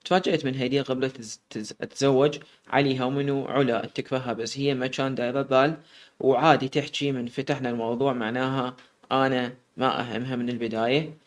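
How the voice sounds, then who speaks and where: A man's voice: medium pitch, flat delivery, fast talker. A man narrating a first-person story.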